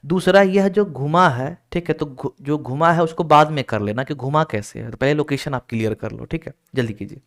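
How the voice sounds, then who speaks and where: A man teaching an online exam-prep reasoning class, explaining each step and keeping students moving with quick check-ins. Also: fairly high pitch. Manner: explains step by step, keeps checking with "ठीक है?" and urging students to hurry. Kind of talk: recorded class lecture.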